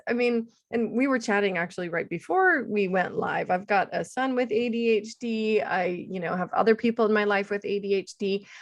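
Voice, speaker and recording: A woman's voice: a little high, a bit bright. Chatty, upbeat woman podcast host. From United States, Seattle-based. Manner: enthusiastic, chatty, laughs often. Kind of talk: casual interview chat.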